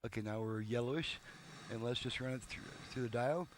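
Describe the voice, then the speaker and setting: In a fairly quick, mid-range voice, a car radio repairman who also presents walks through a hands-on repair demonstration. He explains each step casually, in a plain-spoken, folksy way.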